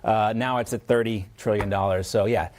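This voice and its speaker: A man hosting a TV news segment, brisk and chatty as he moves between guests. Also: lowish voice, steady tone, darkish tone. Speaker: news anchor.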